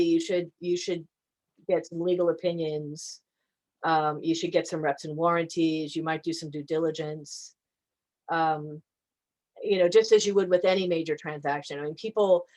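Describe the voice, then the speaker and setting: A woman's voice: fairly low pitch, low-quality recording. A woman attorney answering audience questions in a conversational way, with frequent fillers and restarts. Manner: hesitant, many fillers and restarts. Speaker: guest attorney.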